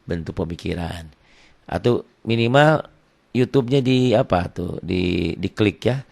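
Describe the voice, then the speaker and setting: A man teaching Quran recitation rules online, explaining plainly and then chanting verses slowly and loudly. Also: sits low, animated, vocal fry. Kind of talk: online tajwid lesson.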